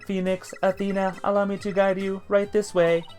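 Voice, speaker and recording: A woman voicing a cheerful female guide robot in a bright, singsong announcer manner, with a put-on robot voice. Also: mid-range voice, little pitch movement, normal speed, faint music behind, voice pushed up. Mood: chirpy. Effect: robot voice, put on by the reader. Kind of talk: fan voice acting of a game.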